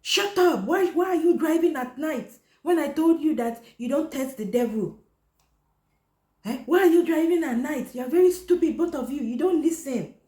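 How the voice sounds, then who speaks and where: A woman voicing a furious, scolding middle-aged mother who shouts insults and repeats herself. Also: high voice, moderate pace, pitched above the performer's own voice, lightly acted. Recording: roomy echo.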